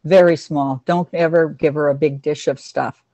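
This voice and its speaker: This deep, warm, steady voice belongs to a woman who works as an animal communicator and is teaching a casual class over video call at a normal speed, with no echo. Her talk is chatty and affectionate, sprinkled with "honey" and "sweetheart."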